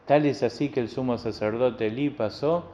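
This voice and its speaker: A man's voice: medium pitch, moderate pace, dark tone. A male pastor with a Rioplatense accent giving a sermon in a plain, conversational way, often repeating phrases. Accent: Rioplatense Spanish. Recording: dull lo-fi recording with faint ambience.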